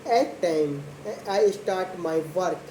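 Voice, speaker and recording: A young woman, not a native English speaker, talking very slowly and deliberately in short simple phrases as a practice monologue for learners. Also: on the low side, animated, mellow. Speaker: host of a slow English speaking practice video. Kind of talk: slow spoken monologue about a daily routine for English learners. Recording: echoey room with faint background noise.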